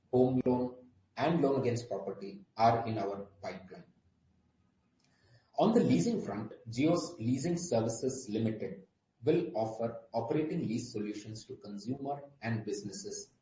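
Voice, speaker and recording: An executive with an Indian accent presents formally from a script during an earnings call, his voice fairly low and dark. The recording sounds roomy, with some echo and faint background noise.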